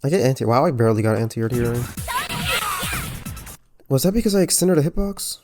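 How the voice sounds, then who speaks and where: A man giving careful, unhurried commentary on a replay of his own fighting game match, with muttered self-critical asides. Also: medium pitch, animated. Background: music.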